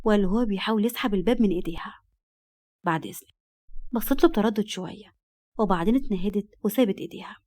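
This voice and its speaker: A woman's voice: mid-range voice, rapid-fire, dark tone. A woman with an Egyptian accent narrating a dramatized story and acting out its dialogue. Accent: Egyptian Arabic. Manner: acts out dialogue, heated in angry scenes.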